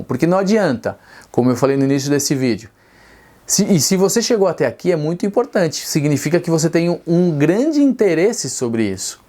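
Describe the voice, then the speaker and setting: A man's voice: a little high, a little mellow. A middle-aged man teaching speed reading straight to camera, earnest and persuasive, asking rhetorical questions and answering them himself.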